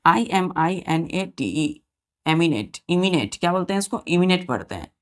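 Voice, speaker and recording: A woman teacher with a slightly low-pitched voice drills English vocabulary for exam students. She spells each word letter by letter, repeats its meaning several times and keeps asking the children whether it is clear. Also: expressive, moderate pace. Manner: asks the children questions and checks they follow.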